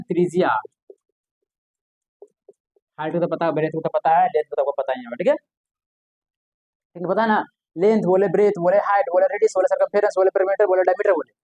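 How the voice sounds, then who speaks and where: A man's voice: high-pitched, darkish tone, no echo. A man teaching an exam-prep math lesson, often asking the class a question and answering it himself.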